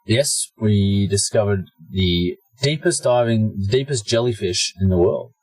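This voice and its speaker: A man from Australia chats casually from inside a cramped deep-sea submersible, dropping dry, joking quips. His voice is low and a little husky, and the sound is dry and close. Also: unhurried, a little mellow, dry recording, poor audio. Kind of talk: casual chat.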